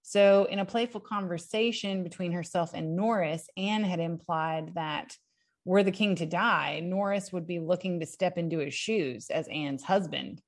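A young adult woman, a podcast co-host, excitedly recounting history from notes in a casual chat, prone to giggles. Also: fairly low pitch, moderate pace.

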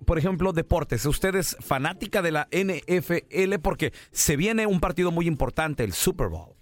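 A man's voice: a little high, animated, moderate pace. A man hosting a comedy podcast, teasing his co-hosts playfully. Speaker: podcast host.

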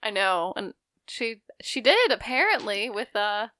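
A woman's voice: mid-range voice, sing-song, unhurried, sharp tone, no echo, studio quality. A woman in her thirties co-hosting a podcast, talking casually and hesitantly, trailing off often. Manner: hesitant, trails off with likes and I don't knows. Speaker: podcast co-host. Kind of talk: casual chat.

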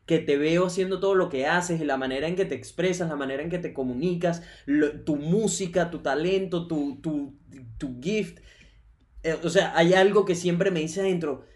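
A man's voice: a little high, normal speed. A man hosts a casual podcast in a slightly raised voice. He talks in an encouraging, emphatic manner, repeating phrases to drive a point home. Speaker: podcast host.

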